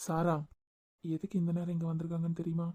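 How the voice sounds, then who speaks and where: Woman voicing a calm young man, Kanyakumari Tamil accent, low voice, quick talk. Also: lightly acted. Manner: calm, directing others.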